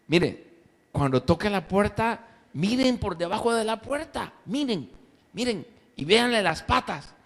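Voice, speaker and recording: A man's voice: high-pitched, big pitch swings, unhurried, gravelly, fairly bright tone, big-room sound, pitched above the performer's own voice, heavily acted. A man playing a strict, caring mother goat. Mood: warning. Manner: warning, motherly tone.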